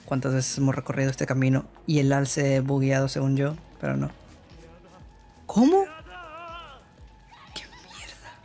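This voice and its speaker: Excitable gamer. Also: medium pitch, a little fast, creaky, few pauses, faint music behind. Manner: excitable, swears often, blurts short English exclamations. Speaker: gameplay commentator. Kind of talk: casual let's play commentary.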